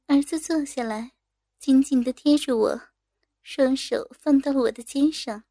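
A woman reading a first-person story aloud in a soft, intimate, unhurried manner. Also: sits high, no echo, clean studio sound.

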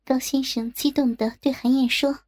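A woman narrating an erotic story in a soft, slow, intimate reading voice. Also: high voice, steady tone. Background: faint music.

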